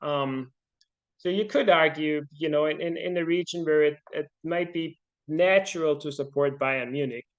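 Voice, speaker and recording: A man's voice: fairly high pitch, moderate pace, dull audio. A middle-aged man from Austria, a podcast guest talking casually and thoughtfully, with many fillers and restarts. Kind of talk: casual interview talk.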